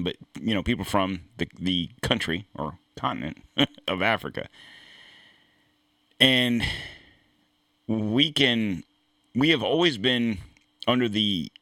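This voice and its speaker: A man's voice: lowish voice, pushed and bright, no echo, clean studio sound. A man hosting a political commentary show, talking in a rambling, blunt way with frequent restarts and some swearing. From United States. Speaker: podcast host. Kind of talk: casual political commentary monologue.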